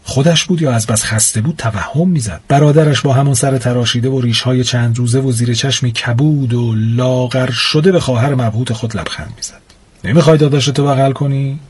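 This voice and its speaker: A man reading a scripted story in a calm, emotive storytelling voice. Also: medium pitch, hardly any pauses, breathy edge. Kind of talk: scripted narration. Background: faint music.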